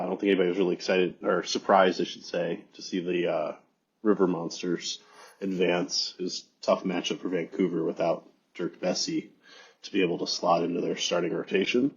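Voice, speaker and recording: Deep-voiced man with a cold, nasal and husky, casual podcast guest on a muffled lo-fi mic. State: congested from a cold. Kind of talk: casual chat.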